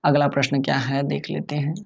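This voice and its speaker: A man explaining exam topics in a relaxed, conversational lecture, addressing viewers as friends. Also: a little high, fairly quick, creaky, dull audio. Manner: chatty, many fillers and restarts. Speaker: exam tutor.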